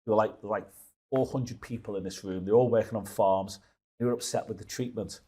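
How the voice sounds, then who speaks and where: A man's voice: lowish voice, steady tone, fairly quick, mellow, breathy edge. A man in his fifties from Liverpool, a guest telling stories in a casual, rambling way with many restarts. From Liverpool, England. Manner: rambling storytelling with frequent restarts. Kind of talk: casual conversational interview.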